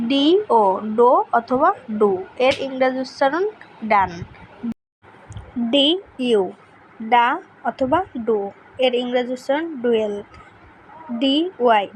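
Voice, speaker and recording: A woman teaching a pronunciation lesson, reading out letter pairs and example words one by one in a slow, deliberate way. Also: on the high side, a little hiss or hum, low-quality recording.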